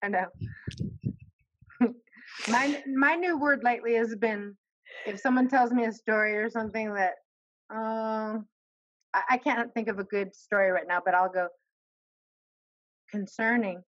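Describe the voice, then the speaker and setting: A woman co-hosting a podcast, easygoing and quick to laugh, chatting casually. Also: on the high side, dull audio. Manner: easygoing, laughs often, quick backchannel replies.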